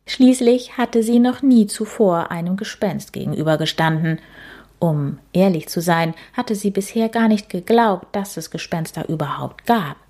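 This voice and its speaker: A woman narrating a storybook in a soft, expressive way, dropping at times into a hushed, breathy tone. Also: fairly low pitch, moderate pace. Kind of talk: storybook reading.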